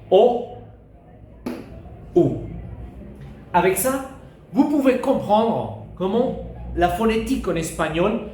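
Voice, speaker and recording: A teacher, a man with a fairly high voice, leads a beginner lesson at an unhurried pace. He repeats each sound with care so pupils can follow. The recording is roomy, with a faint hiss behind it. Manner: slow, careful, repeats vowels for pupils to echo. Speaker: Spanish teacher. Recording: echoey room with faint hiss.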